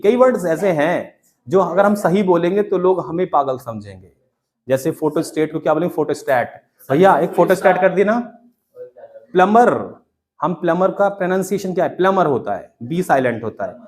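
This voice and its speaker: A man's voice: a little high, expressive, moderate pace, a little mellow. A middle-aged man with an Indian accent teaching English in a class, chatty and scolding with jokes. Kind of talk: classroom lecture.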